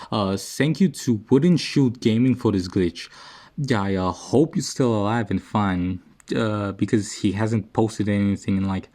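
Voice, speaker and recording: Young male gaming host, slightly low voice, loose self-deprecating humor. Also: a little mellow. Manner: joking, self-mocking, rambling. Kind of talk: casual gameplay commentary.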